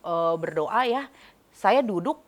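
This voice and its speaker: A woman telling her personal faith story in an interview, animated and reliving the moments she describes. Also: on the low side, slow pace. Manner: animated storytelling, reenacting her own words. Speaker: church member giving testimony.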